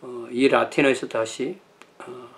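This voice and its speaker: A man's voice: mid-range voice, little pitch movement, unhurried. A middle-aged man, a pastor, giving a lecture on church history, thinking aloud with many fillers and self-corrections.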